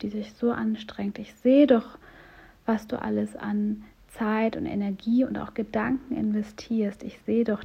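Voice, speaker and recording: A woman playing a gentle inner voice, whispered role-play. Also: medium pitch, vocal fry, husky, highs cut off. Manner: soft, reassuring, half-whispered. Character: gentle compassionate inner voice, soothing and kind.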